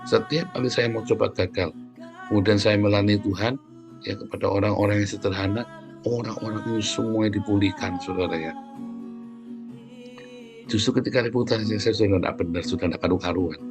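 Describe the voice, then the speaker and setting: Male preacher, chatty and animated, sermon with music playing clearly underneath. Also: lowish voice, a little fast. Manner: conversational, animated, keeps addressing listeners as "saudara".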